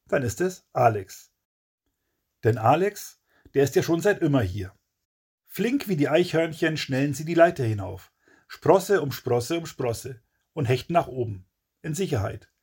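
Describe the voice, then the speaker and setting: A man's voice: fairly high pitch, darkish tone, breathy edge. A man narrating a crime story in a dramatic, punchy audiobook reading.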